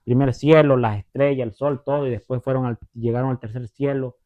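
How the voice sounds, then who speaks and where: A brisk, steady-toned man with a mid-range voice preaches a conversational Bible lesson. He acts out voices while retelling stories and frequently turns to his listeners with tag questions. The recording has a tinny, phone-like sound.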